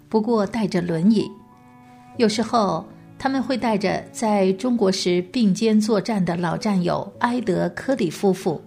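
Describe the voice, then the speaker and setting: A woman hosting a radio program, telling a biography as scripted narration in a gentle, measured way. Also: mid-range voice.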